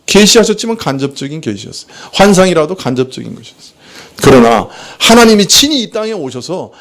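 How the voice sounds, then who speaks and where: A man's voice: a little high, sing-song, fast talker, a bit bright. A man preaching a sermon as pastor, asking rhetorical questions and answering them himself, acting out quoted speech. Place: church.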